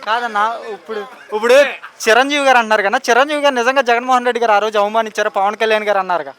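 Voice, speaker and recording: A man's voice: very high voice, very fast, bright, forceful tone. A man, a street reporter prodding his interviewee with claims to answer, holding a handheld mic. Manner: prodding, puts claims to the interviewee, calls him brother.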